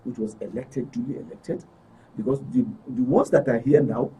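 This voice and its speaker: A Nigerian-accented studio guest gives a conversational personal account in a warm, husky, medium-pitched voice with a steady tone and moderate pace. He repeats and rephrases for emphasis, heard through a dull, distant mic with faint background noise.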